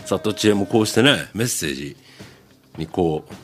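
A middle-aged man hosts a casual radio chat, his voice swinging up and down as he teases and laughs. He reads listener letters aloud with quick jokes. Soft music plays low behind him. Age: 50s. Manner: jokey, laughs often, lively teasing. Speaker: radio host.

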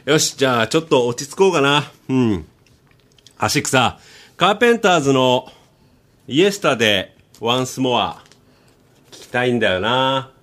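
A man doing comedic banter with an AI assistant, firing off rough, exasperated retorts. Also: mid-range voice, animated, moderate pace, pauses often, a bit bright.

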